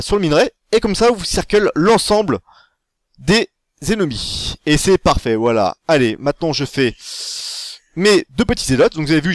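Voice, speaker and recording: A man giving a casual tutorial, commentating over his own game. He is chatty and excitable and corrects himself as he goes. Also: fairly high pitch, dry recording. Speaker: gaming tutorial host.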